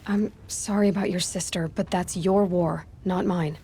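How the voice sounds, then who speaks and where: Aloy, a blunt young huntress. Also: female voice, on the low side, fairly even intonation, moderate pace, mellow, breathy edge. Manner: terse, direct, self-reliant. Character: young woman hunter, blunt and determined. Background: game music.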